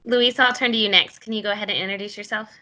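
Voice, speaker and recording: A woman moderating a virtual roundtable, passing the floor to each guest with quick, upbeat hand-offs. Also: mid-range voice, fairly even intonation, sharp tone. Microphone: computer mic on a video call.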